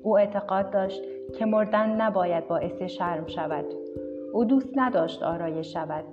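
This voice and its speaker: A woman narrator reading an audiobook in a steady, even storytelling manner. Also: mid-range voice. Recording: dull recording with music behind.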